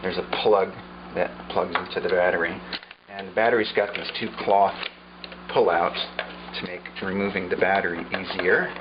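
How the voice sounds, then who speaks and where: In a relaxed show-and-tell, a man demonstrates an old radio for his vlog, his low voice calm and easygoing. He takes his time, musing aloud with filler words, and a constant hiss sits behind the somewhat muffled sound.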